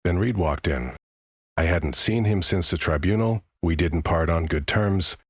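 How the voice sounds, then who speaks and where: A man narrating a first-person story script in a grave, measured way. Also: sits low, animated, breathy edge, no echo, clean studio sound.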